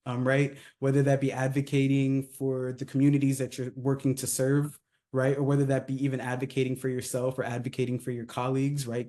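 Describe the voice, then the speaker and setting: A man from California talks through a presentation in a loose, conversational way, often checking in with a quick tag question. His voice has a mellow, warm tone at a middling pitch. He speaks as a company head giving an overview. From California, United States. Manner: conversational, many fillers, tags sentences with "right?". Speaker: company CEO presenting a retreat. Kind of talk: casual presentation, video overview.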